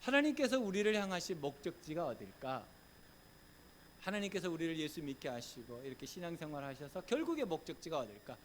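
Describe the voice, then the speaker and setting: Lively male pastor preaching a sermon. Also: on the high side, a little fast, a little hiss or hum. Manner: lively preaching, swinging from loud urging to soft murmured reassurance; acts out gentle quoted lines in a hushed voice. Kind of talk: Sunday sermon. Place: church sanctuary.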